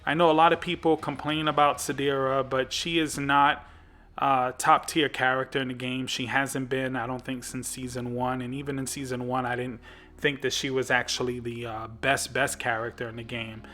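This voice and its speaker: A man's voice: medium pitch, flat delivery, normal speed, bright, forceful tone. A man hosting a gaming channel, giving casual commentary on a fighting game, rambling with lots of fillers and restarts.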